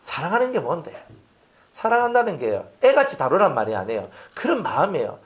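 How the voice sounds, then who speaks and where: A pastor preaching a sermon, chatty and animated, asking his congregation rhetorical questions. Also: on the high side.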